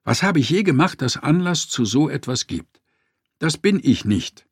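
Brief: narrator playing a defensive, indignant husband in an audiobook, lively pitch. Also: male voice, normal speed, gravelly, husky, no room sound, clean studio sound, heavily acted.

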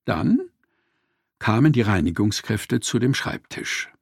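Gravelly, husky male storyteller. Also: fairly low pitch, sing-song, slow pace, dry recording, clean studio sound. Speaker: narrator. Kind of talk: scripted storytelling narration.

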